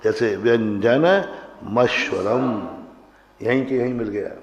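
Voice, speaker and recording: A man's voice: medium pitch, steady tone, takes it slowly. A man teaching a grammar class, quizzing his students and drilling them on pronunciation. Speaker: religious teacher. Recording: roomy hall, dull lo-fi sound.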